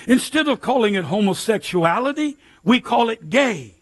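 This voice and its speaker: Older male pastor, lively emphatic sermon delivery, husky and high-pitched. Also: normal speed. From United States. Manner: animated, emphatic preaching with sudden shouts.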